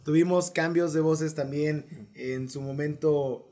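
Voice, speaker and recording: A man's voice: a little high, steady tone, slow pace, mellow. A man explaining things in a casual panel chat, conversational and with hesitation fillers.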